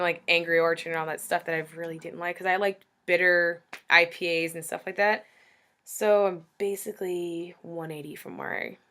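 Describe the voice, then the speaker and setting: A woman's voice: on the low side, pushed and bright, smooth. A young American woman chatting casually to camera in a candid, self-deprecating, rambling way. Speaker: vlogger giving a jaw treatment update.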